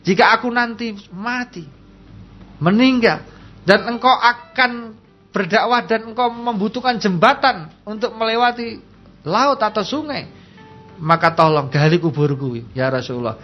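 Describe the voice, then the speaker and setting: A man with a Javanese accent voicing a gentle, devoted dying wife within a religious story told on radio. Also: high-pitched, expressive, unhurried, lo-fi sound, soft background music, voice pushed up. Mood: tender. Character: devoted, gentle dying woman, wife speaking to her husband.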